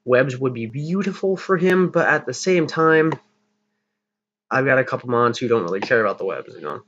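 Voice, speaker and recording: This is laid-back gaming talk from a young man whose mid-range voice is animated, a bit bright, and moderately paced. He wanders through his league battle team plans, teasing himself and laughing along, recorded on a lo-fi mic that sounds slightly dull.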